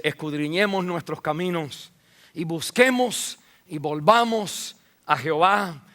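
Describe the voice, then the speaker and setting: A man preaching a sermon as a pastor in a church, rising loud and high, then dropping low and quiet, with many fillers and repeated words.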